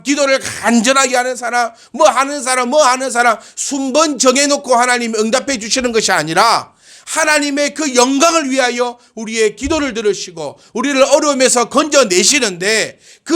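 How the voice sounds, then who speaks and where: Animated high-voiced Korean preacher. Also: male voice. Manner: animated, questions the congregation. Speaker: pastor. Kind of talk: sermon.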